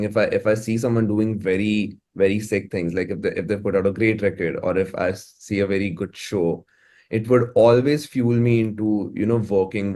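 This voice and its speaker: An Indian-accented musician and music producer, appearing as an interview guest, speaks in a voice on the low side with a darkish tone. He's informal and tends to repeat and restart his phrases.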